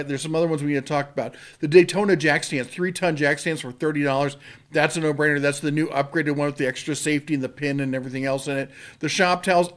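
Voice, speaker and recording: A middle-aged man hosting a tool channel, rambling through sale items in a folksy, casual way with lots of fillers and restarts. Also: fairly high pitch. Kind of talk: casual product rundown.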